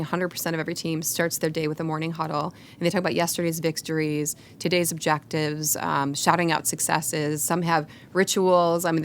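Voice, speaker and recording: A woman's voice: sits low, fairly bright tone, slight background noise. A woman guest on a company podcast, talking upbeat and casual and laughing often. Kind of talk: casual interview talk.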